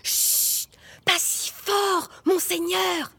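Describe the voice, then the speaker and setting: A woman voicing a frightened male villager who speaks in a hushed, urgent whisper in a storybook reading. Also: high-pitched, expressive, unhurried, slight background noise, voice pushed up. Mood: scared, hushed.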